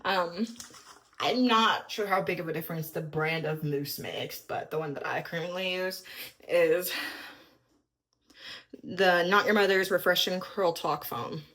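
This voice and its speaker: A woman's voice: on the low side, a little slow, pauses often, a bit bright. A young woman vlogger in a casual, upbeat chat to camera, a little out of breath and using lots of fillers. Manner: chatty, upbeat, filler-heavy. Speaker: lifestyle vlogger.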